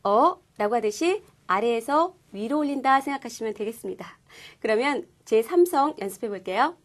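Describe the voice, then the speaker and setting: High-voiced woman teaching a language lesson. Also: lively intonation, a little fast. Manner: clear, patient explaining with demonstrated sounds. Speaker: Korean-speaking Chinese language teacher. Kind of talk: scripted lesson presentation.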